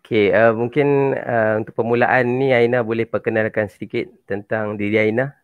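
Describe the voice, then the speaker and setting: A man's voice: on the low side, fairly even intonation, moderate pace, smooth, dry recording. A man with a Malaysian accent hosting a talk show, speaking careful formal Malay and correcting himself. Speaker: host. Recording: phone-like, muffled online call audio.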